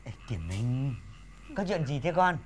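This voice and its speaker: An actor in his forties playing a proud, hot-tempered village husband and new father in a folk comedy film, blustering and shouting when jealous. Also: medium pitch, big pitch swings, a little slow, a little hiss or hum. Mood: scolding. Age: 40s. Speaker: father of a newborn son.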